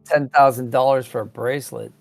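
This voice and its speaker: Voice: medium pitch, fairly quick, creaky, no echo, faint music behind. A let's play co-host giving jokey, playful commentary in casual chat.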